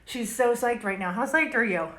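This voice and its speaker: A woman's voice: a little high, moderate pace, fairly bright tone. A woman hosting a live online drawing class for children, upbeat and chatty with her viewers. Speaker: drawing teacher and host. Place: home studio. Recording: echoey room, faint noise.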